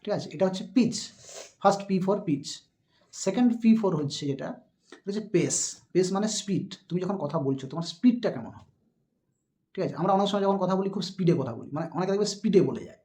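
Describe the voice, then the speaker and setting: Soft-toned man teaching speaking skills. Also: high-pitched, animated, brisk. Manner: explains patiently, acts out examples with sudden loud and soft turns. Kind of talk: spoken lesson on interview speaking skills.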